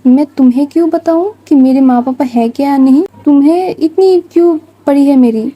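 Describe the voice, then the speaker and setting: A woman narrator acts out a carefree young woman who answers every question with cheek. Her voice sits high and mellow. It is close and dry, a storybook telling. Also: normal speed, no room sound, natural voice, rough recording. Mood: sulky. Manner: defiant, cheeky, petulant.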